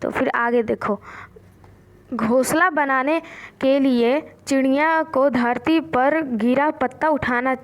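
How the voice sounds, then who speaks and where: A woman teacher with a high voice walks young children through a storybook. She repeats and explains each line in simple words. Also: slow pace.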